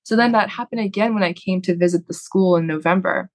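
A woman's voice: on the low side, fast talker, darkish tone. A woman in her thirties from Canada, a podcast guest talking candidly and reflectively in a casual interview, often restarting her sentences. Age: 30s.

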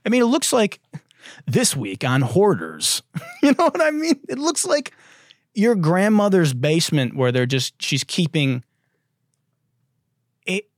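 A man hosts a comedy podcast in a sarcastic, profane rant, breaking into laughter often. His pitch swings widely as he jokes. The sound is dry and close. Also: wildly swooping pitch, a little slow, pauses often, no room sound. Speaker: podcast host. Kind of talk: comedic talk monologue.

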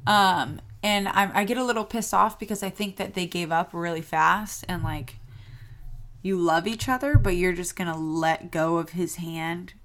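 A woman's voice: fairly low pitch, fairly even intonation, moderate pace, fairly bright tone. A woman in her twenties co-hosting a podcast, chatting casually and animatedly, with lots of "um" and "like". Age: 20s. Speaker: podcast co-host.

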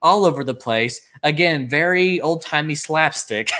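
A man's voice: a little high, pushed and bright, poor audio. Chatty man riffing on a film. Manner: rambling, heavy filler words, quick mimicry of film lines. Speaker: podcast host reviewing a film. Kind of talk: casual chat.

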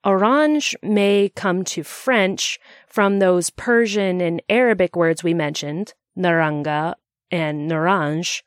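A woman's voice: lowish voice, takes it slowly, dry recording, studio quality. A woman narrating a scripted explainer in a bookish, conversational way, with wry asides.

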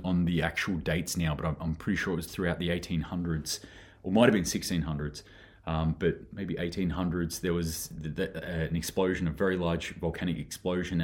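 A man with a low, husky voice hosts a casual livestream news chat. He rambles earnestly, restarting sentences and filling pauses with ums. The delivery is relaxed and conversational. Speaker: host of a daily preparedness news show.

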